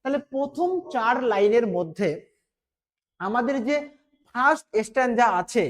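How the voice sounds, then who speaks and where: A woman teacher giving an exam-prep literature lesson, explaining step by step, repeating key points and reading English phrases slowly. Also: a little high, expressive.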